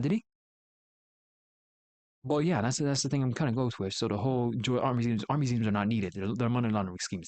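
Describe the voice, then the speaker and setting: Streaming solo as a VTuber, a man casually thinks out loud in a rambling, opinionated way and frequently fixes his own sentences midway. His medium-pitched voice is a little mellow, with no echo.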